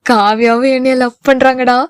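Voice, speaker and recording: A woman voicing a lovestruck young man in a lowered voice in an audio novel. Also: little pitch movement, normal speed, clear, resonant tone, no echo, clean studio sound, lightly acted. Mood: cheerful.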